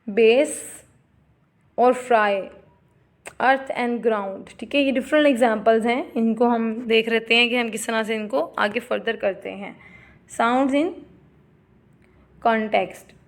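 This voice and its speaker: A woman giving a classroom lecture, explaining terms in Hindi-Urdu and reading definitions slowly, addressing students as "beta". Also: on the high side, fairly even intonation.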